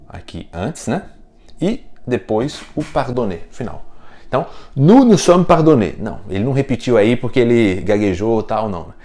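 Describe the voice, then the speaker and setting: A man's voice: fairly low pitch, a little mellow. A Brazilian man with a Brazilian Portuguese accent, teaching a casual French lesson, explaining step by step with small jokes.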